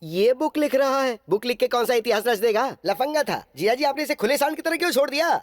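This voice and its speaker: A sly teasing uncle. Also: female voice, high voice, animated, quick pace, dry recording, studio quality. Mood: scornful. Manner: teasing, sarcastic. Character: scheming mischievous middle-aged maternal uncle, male. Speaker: dub voice actor. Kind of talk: Hindi film dubbing.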